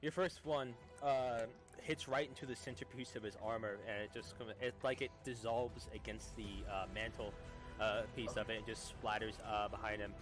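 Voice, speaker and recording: A man runs the table, narrating in a low, unhurried voice. He lays out each moment plainly and easily. Music plays clearly behind him. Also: steady tone. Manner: laid-back descriptive narration. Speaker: game master.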